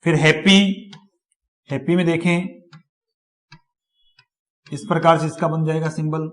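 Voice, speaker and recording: A man's voice: fairly high pitch, little pitch movement, measured pace. A man giving a step-by-step lecture, repeating each example word as he explains. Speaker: teacher. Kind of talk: classroom lecture on phonetics.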